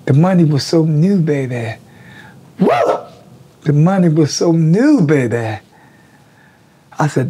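A man in his sixties tells rough, profane stories in a relaxed interview. His voice sits a little high for a man. He acts out the people he quotes with lively swings in pitch. He was recorded seated in a small indoor studio. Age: 60s. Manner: animated, profane storyteller who acts out quotes. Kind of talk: casual storytelling interview. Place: indoor studio in front of a draped backdrop.

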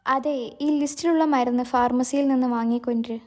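A woman voicing a busy hospital nurse, hurried and matter-of-fact. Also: high voice, steady tone, darkish tone, lightly acted.

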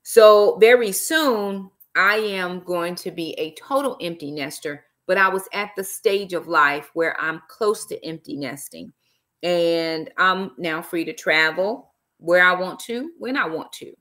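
A middle-aged woman, author and live-stream host, talks a little slowly in a fairly low, fairly bright voice. She chats casually into her laptop webcam from an armchair in a small indoor room, dropping "y'all" and words of praise.

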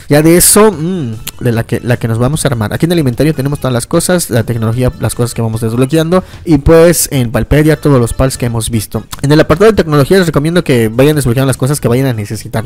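A man giving casual, excitable gameplay commentary, often yelping and laughing at the game. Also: medium pitch. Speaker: gaming YouTuber.

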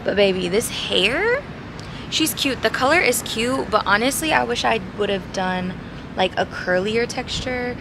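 Young woman vlogger, sassy and chatty, handheld camera outside at night; gravelly edge, city noise behind. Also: on the high side, animated, a little slow. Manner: chatty, sassy, addresses viewers as y'all and babes. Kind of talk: casual vlog talk to camera. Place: outdoor city terrace at night. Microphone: handheld camera at arm's length. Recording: noisy outdoor city street.

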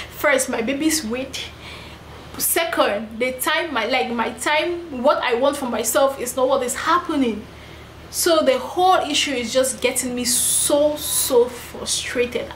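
A woman's voice: sits high, unhurried, a little hiss or hum. A young pregnant woman vlogging to camera, venting in an emphatic, repetitive way. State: heavily pregnant. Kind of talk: personal vlog, talking to camera. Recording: echoey room with faint ambience.

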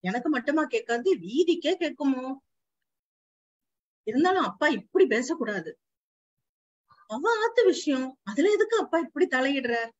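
A woman's voice: high-pitched, very animated, unhurried, long pauses, no echo. A woman voicing a fretful dog narrating. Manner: fretful exclamations, Brahmin Tamil household speech. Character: male household dog narrating, anxious and watchful. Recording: slightly dull lo-fi recording.

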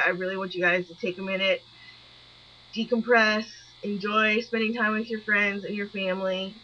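Upbeat woman instructor on a lo-fi backup mic. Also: mid-range voice. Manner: encouraging, upbeat, chatty. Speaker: college course instructor. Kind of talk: recorded weekly class announcement. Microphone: backup microphone. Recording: dull lo-fi backup mic with mains hum.

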